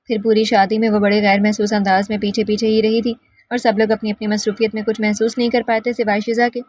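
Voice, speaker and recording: A woman narrating a novel as an audiobook reader, in a steady, even way. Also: medium pitch.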